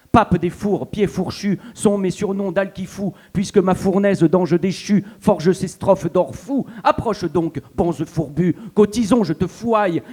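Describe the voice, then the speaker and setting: A man's voice: high voice, darkish tone. A man performing a boastful, wordplaying troubadour in a live stage reading, firing off theatrical rhyming taunts.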